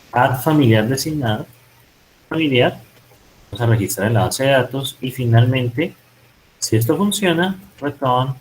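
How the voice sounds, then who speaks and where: Guy coding live and talking it through, fixes himself as he goes, normal pitch, bit of hiss behind. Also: rough recording. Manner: thinks aloud, self-correcting while typing code. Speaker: programming instructor.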